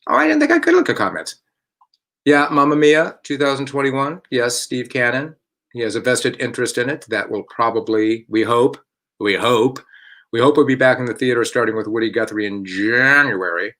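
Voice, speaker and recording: A man's voice: mid-range voice, animated, moderate pace, sharp tone. A man hosting a casual online chat for a theater company from home. He rambles, corrects himself and chuckles often. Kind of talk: casual live-stream chat.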